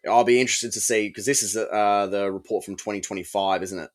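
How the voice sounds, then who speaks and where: An Australian man co-hosting a casual beer podcast, talking in a measured way with many "um" fillers. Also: on the low side, fairly even intonation. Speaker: podcast co-host.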